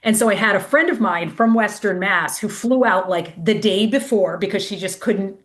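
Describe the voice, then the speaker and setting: A woman's voice: medium pitch, normal speed, fairly bright tone. A woman guest telling a casual story in chatty speech, full of "like", acting out the voices of the people she quotes. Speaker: guest, race director.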